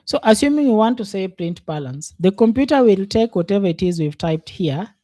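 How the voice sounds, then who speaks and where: A man walks learners through a coding lesson in a warm, mellow voice. He talks it through at an easy pace, pausing on fillers as he works. The sound is close and dry, with no room around it. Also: high-pitched, animated, no room sound. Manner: unhurried, thinks aloud with many fillers. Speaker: programming instructor. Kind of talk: casual screen-share coding lesson.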